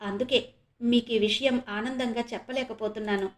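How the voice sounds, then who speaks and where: A woman voicing a humble, tender middle-aged caretaker at an orphanage, speaking softly and gently in an audio novel. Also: on the high side, steady tone, normal speed, natural voice. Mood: gentle. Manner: gentle, soft-spoken.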